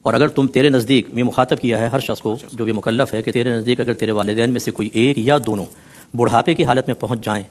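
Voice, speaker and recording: A man's voice: mid-range voice, fairly even intonation. A man speaking as an Islamic scholar, explaining a verse in earnest with teasing asides and stray English words. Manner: mixes English words into his talk. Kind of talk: religious discourse explaining a Quran verse.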